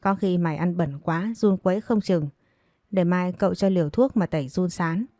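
Bossy young male doctor-master, read by a woman storyteller; low, mellow, dry. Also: normal speed, dry recording, lightly acted. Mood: stern. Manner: blunt, commanding.

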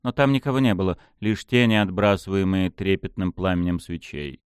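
A man narrating a fantasy audiobook in an even, dramatic storytelling manner. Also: low voice, fairly quick, clear, resonant tone, no room sound, clean studio sound.

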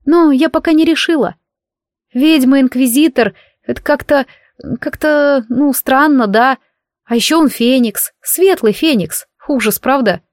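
A high, lilting young witch, chatty and coy, stretching her words with playful delight, as a woman reads her in an audiobook. The voice sits noticeably above a plain speaking tone, close and dry with no room sound. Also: unhurried, no room sound.

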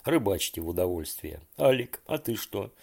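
A man voicing a patient old grandfather who gently instructs the children. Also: lowish voice, sing-song, normal speed, vocal fry, slightly rough, full character voice. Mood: patient instructive.

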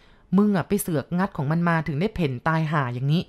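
A woman's voice: deep voice, fast. A woman voicing a blunt middle-aged man who scolds coarsely. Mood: gruff.

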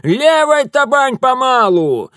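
A male narrator voicing a fierce, toothless old village woman who yells orders in a mix of Ukrainian and Russian. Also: wildly swooping pitch, slow pace, dry recording, clean studio sound, heavily acted. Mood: shrill commanding. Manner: shrill yelling in mixed Ukrainian-Russian speech.

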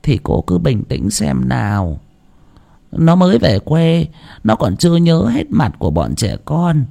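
A man voicing a soft-hearted, fussing elderly grandmother in a storybook tale. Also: big pitch swings, moderate pace, gravelly, heavily acted. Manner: scolding, coaxing, high-pitched.

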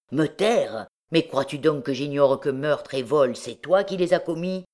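A woman's voice: rumbling low, a little mellow. A woman reading aloud, voicing a desperate mother who pleads fervently, her voice raised above her usual tone. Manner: fervent, imploring. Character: desperate pleading peasant mother, middle-aged.

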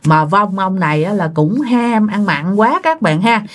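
A woman's voice: medium pitch, expressive, a little slow. Chatty woman storyteller. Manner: chatty, addresses listeners with fillers. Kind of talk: casual ghost story narration.

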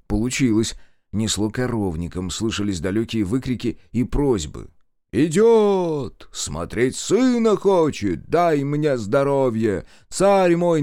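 A man narrating a horror story with expressive, tense reading. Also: fairly low pitch, no echo, clean studio sound.

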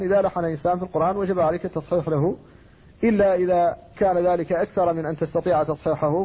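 A male scholar from Mauritania giving a measured, explanatory classroom lecture on Quran recitation. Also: sits high, husky. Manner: measured, explanatory, reciting quoted verses and poetry. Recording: dull lo-fi recording.

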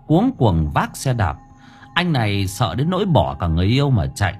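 Lively male storyteller. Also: lowish voice, moderate pace, slightly rough, soft background music. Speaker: audiobook narrator. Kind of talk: storytelling narration.

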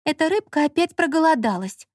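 Женщина в аудиокниге озвучивает молодую капризную обидчивую героиню жалобным высоким голосом. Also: female voice, lively intonation, a little fast, no room sound, clean studio sound. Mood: plaintive. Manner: plaintive, pouting, high-pitched. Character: young woman Lola, fussy, whiny and touchy. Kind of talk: audiobook character reading.

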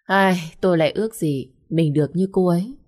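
A woman's voice: lowish voice, brisk, darkish tone, natural voice. Storybook roles: spiteful young waitresses, snide and gossipy, as a woman reads them. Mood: catty. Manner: snide, catty.

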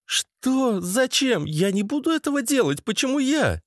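A man reading an audiobook, voicing a demanding young woman who panics and pleads in a shrill, high voice. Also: big pitch swings, measured pace, no room sound, studio quality, full character voice. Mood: indignant.

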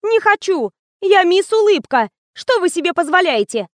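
Woman doing a whiny, squeaky young model. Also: sing-song, normal speed, no echo, studio quality. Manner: petulant, high squeaky complaints.

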